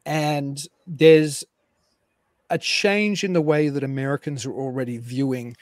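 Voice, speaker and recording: A man guest historian explaining at length on a live call-in show, animated and digressive with frequent restarts. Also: mid-range voice, a little slow, dry recording, clean studio sound.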